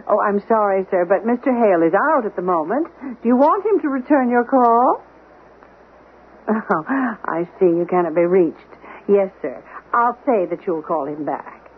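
A woman's voice: mid-range voice, big pitch swings, a little slow. A woman playing a formal, composed household servant who lectures her employer in a 1970s radio drama. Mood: prim. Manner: formal, unflappable, gently reproving. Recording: tinny old radio broadcast, faint hiss.

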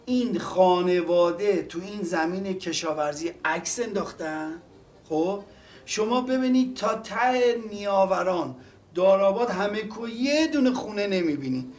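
A man explaining local history in a documentary interview, reminiscing and pausing with fillers. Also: high voice, expressive, darkish tone.

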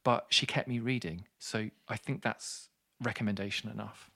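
A man's voice: lowish voice, steady tone, moderate pace, creaky, sharp tone, no room sound, studio quality. A man co-hosting a book podcast, reviewing a memoir with enthusiasm and dropping his voice for serious points. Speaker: podcast co-host.

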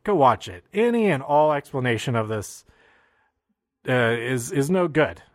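Man, casual wrestling recap, excitable, rambling, mid-pitched voice, dry close sound. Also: unhurried, no echo. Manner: excitable, rambling, many fillers and restarts.

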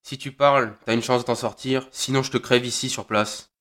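A brutal interrogator in an audio drama, played by a man speaks in a mid-pitched voice. He threatens coldly and harshly, pressing his captive without mercy. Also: fairly even intonation, fairly quick, a bit bright, close to an everyday voice. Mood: menacing. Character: brutal, menacing male interrogator.

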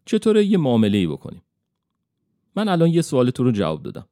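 A man voicing a young woman, the daughter of a witch, who is guarded and proud and talks in a brisk, bargaining way. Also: medium pitch, wildly swooping pitch, warm tone, no echo, studio quality, voice pushed up.

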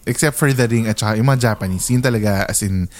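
A man's voice: on the low side, fast talker. Chatty Filipino man on a podcast. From Philippines. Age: 30s. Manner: animated storytelling, chatty. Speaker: podcast co-host. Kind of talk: casual chat.

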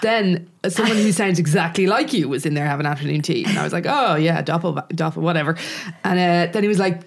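A woman's voice: fairly low pitch, quick pace. A woman with a south Dublin accent co-hosting a podcast, chatting casually and telling anecdotes. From South County Dublin, Ireland. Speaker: podcast co-host. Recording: faint noise with clicks.

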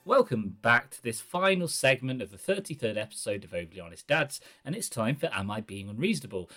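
A man's voice: medium pitch, sing-song, a little fast, bright, forceful tone, faint music behind. Man hosting, reading posts aloud. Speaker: podcast host.

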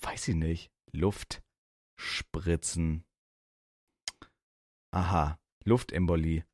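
A man's voice: low voice, fairly even intonation, drawn-out words, a little mellow, no echo, clean studio sound. A young man co-hosting a podcast, joking crudely and teasing his friend in casual chat. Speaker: podcast co-host.

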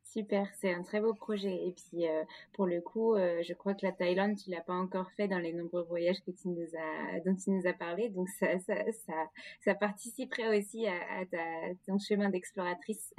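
Low-voiced woman hosting a podcast. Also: steady tone, normal speed, a little mellow, dry recording. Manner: hesitant, frequent fillers and restarts. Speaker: podcast host. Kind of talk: podcast interview. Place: remote call.

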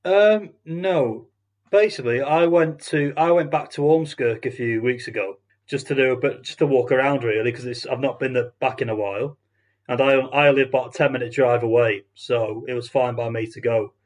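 A man's voice: medium pitch, normal speed, darkish tone. A man hosting a podcast, telling a story in casual chat with many restarts and fillers. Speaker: podcast host.

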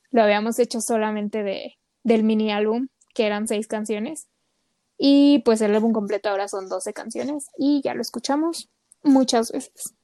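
A woman's voice: on the high side, dark tone, no room sound. A woman co-hosting a casual podcast chat, talking with lots of fillers. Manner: chatty, many fillers. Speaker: podcast co-host.

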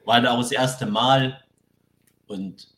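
A man's voice: mid-range voice, fairly even intonation, slow pace, a bit bright, roomy sound. A young man telling a rambling story in casual slang as a podcast co-host. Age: young adult. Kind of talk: casual chat.

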